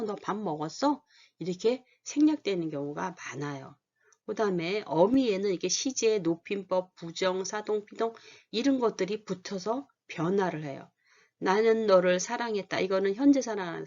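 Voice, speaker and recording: A woman giving a lesson, explaining points and often asking the class questions, then answering them herself. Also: fairly low pitch. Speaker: Korean language teacher. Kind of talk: explanatory lecture. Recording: dull lo-fi recording.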